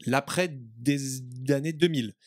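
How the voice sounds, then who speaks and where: Male host for a small hospital radio talk show, halting delivery, dry booth. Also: medium pitch, no room sound. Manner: hesitant, repeats words while steering talk.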